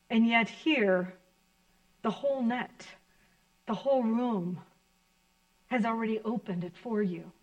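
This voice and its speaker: A woman minister giving a sermon to her congregation in an earnest, reflective, gently encouraging way. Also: a little high, dull audio.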